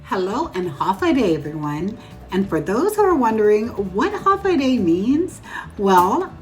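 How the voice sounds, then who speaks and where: A woman's voice: mid-range voice, sing-song, moderate pace, soft background music. A woman from Guam hosting a home cooking show, narrating a recipe in a chatty, instructional way and speaking straight to viewers.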